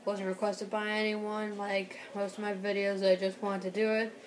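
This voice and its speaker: A young woman giving a casual home tutorial in a halting, rambling way, as an amateur host. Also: mid-range voice, flat delivery, rough recording. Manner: halting, rambling delivery with throat clearing. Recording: noticeable background noise, amateur home recording.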